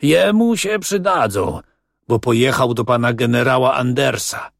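A man reading as a tearful, whining man who pleads and laments a robbery in sobbing, monotonous words. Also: medium pitch, measured pace, vocal fry, dry recording, clean studio sound. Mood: lamenting.

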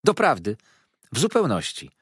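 A man's voice: mid-range voice, huge pitch swings, moderate pace, husky, dry recording, clean studio sound, heavily acted. A man reading an audiobook voices a sarcastic young woman who feigns innocence with arch, needling questions. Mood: mock-innocent. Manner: arch, mock-naive questioning.

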